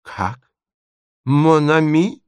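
A man voicing a hot-tempered young gentleman, jilted and indignant, with drawn-out shouted outbursts in a storybook reading. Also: mid-range voice, gravelly, dry recording, close to an everyday voice. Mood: outraged.

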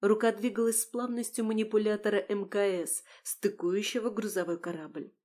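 A woman narrating a first-person audiobook with a wry, expressive delivery. Her voice sits at a middle pitch, and she paces the scene like a storyteller. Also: normal speed.

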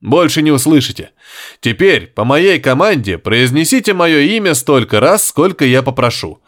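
A stubborn inspector gives sharp commands in an audiobook, voiced by a male reader. He sounds brusque and controlled. His pitch moves a lot. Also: very animated, normal speed. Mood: commanding.

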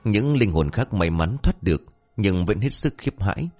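A man narrating a folk ghost story in a lively, expressive way. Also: on the low side, moderate pace, soft background music.

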